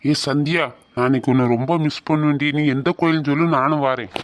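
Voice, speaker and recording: A man's voice: on the high side, fairly even intonation, fast, no room sound, natural voice. A man playing a clingy young boyfriend who keeps begging to tag along. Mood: pleading. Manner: pleading.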